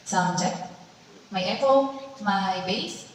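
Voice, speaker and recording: A woman's voice: medium pitch, drawn-out words, a little hiss or hum. A woman testing a karaoke microphone, her voice run through a digital echo effect while she calls out sound checks. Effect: digital echo from a karaoke speaker. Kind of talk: product demo. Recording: echoey speaker playback heard from far off.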